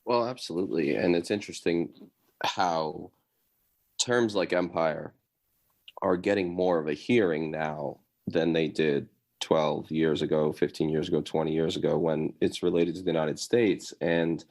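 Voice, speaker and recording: A male podcast host with a very low voice answers his guest in a relaxed way. He thinks out loud in loose, agreeable phrases. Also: a little slow. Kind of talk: casual interview talk.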